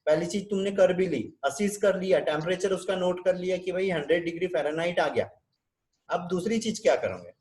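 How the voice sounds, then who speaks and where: A man's voice: high-pitched, expressive, brisk, darkish tone. A man with an Indian accent teaching a nursing class over a video call, often checking with his students and mixing in English terms. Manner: switches between Hindi and English. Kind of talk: online class lecture.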